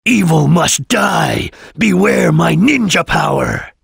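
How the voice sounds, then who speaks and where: Espio, a husky, stoic ninja chameleon. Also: male voice, fairly high pitch, expressive, fairly bright tone, exaggerated voice. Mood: battle-ready. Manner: terse, grave, deliberate instruction. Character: stoic male chameleon ninja, serious, watchful, disciplined. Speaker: video game character voice actor. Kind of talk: video game voice lines, hints and callouts.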